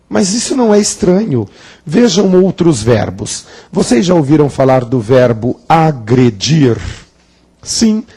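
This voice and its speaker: Slow, playful teacher, husky voice. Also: male voice, fairly high pitch, mellow. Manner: playful, drawn-out emphasis on words, asks the class questions. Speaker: Portuguese teacher. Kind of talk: classroom grammar lesson with jokes. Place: classroom with a blackboard.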